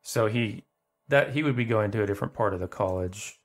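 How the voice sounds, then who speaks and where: A man's voice: on the low side, brisk. A man narrating as game master, rambling and full of fillers.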